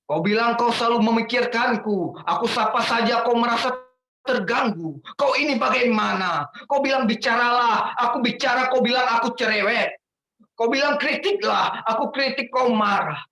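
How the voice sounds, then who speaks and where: Emphatic high-voiced man reciting poetry. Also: normal speed. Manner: emphatic, rising to shouts on refrains. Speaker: guest poetry reader. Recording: echoey room with faint noise.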